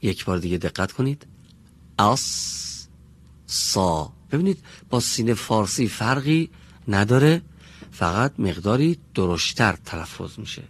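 A man teaching a classroom pronunciation lesson, speaking slowly and deliberately and drawing out each sound as he demonstrates it. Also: fairly low pitch, sing-song, husky. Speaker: Quran recitation teacher. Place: classroom with students.

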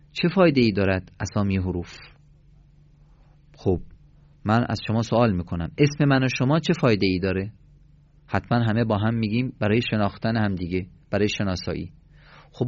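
A man's voice: medium pitch, a little mellow. A man teaching a recorded lesson on reading the Quran. He spells out letters one at a time and asks questions that he then answers himself. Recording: slightly dull, dry recording.

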